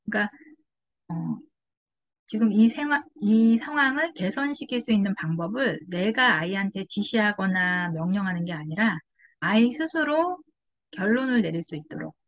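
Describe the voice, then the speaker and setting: A woman giving patient, soothing advice to parents on handling anger, in a calm explanatory tone. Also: mid-range voice, moderate pace. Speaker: parenting educator. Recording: slightly dull lo-fi audio.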